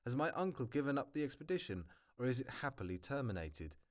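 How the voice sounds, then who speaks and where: A man's voice: mid-range voice, big pitch swings, fast talker. A man reading a novel aloud as a hobby, often stumbling and restarting words. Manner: stumbles, restarts and corrects words, remarks on the text. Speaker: hobby audiobook reader. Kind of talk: amateur audiobook reading.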